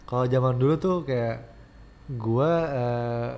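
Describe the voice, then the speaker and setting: A man's voice: medium pitch, steady tone, takes it slowly, darkish tone. A man telling slangy, joking stories in casual banter as a co-host.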